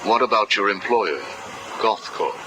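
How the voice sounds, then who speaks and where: An actor playing a calm, coolly menacing prison psychiatrist, heard as a video game interview tape recording. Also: male voice, on the low side, measured pace. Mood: cold. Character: cold, probing male prison psychiatrist. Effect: played from a hissy interview tape recording.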